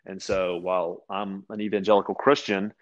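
A man from Louisiana, a podcast guest, telling casual stories with lots of restarts and animated asides. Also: low voice, normal speed, dull audio. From Louisiana, USA. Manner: rambling, animated anecdotes with frequent restarts. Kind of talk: casual storytelling conversation.

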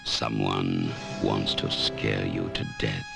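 Horror trailer narrator: rock-bottom pitch, slow, menacing, over loud music. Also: male voice, fairly even intonation, heavily acted. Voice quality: very deep gravelly voice. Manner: slow, ominous delivery.

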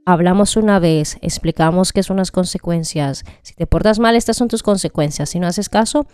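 A woman co-hosting a casual conversation, calmly explaining and reasoning through her views. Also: on the low side, moderate pace, smooth, no echo. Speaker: podcast co-host.

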